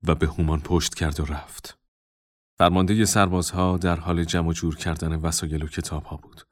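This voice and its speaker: A man narrating a storybook in a calm, measured reading. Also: low-pitched, dry recording, studio quality.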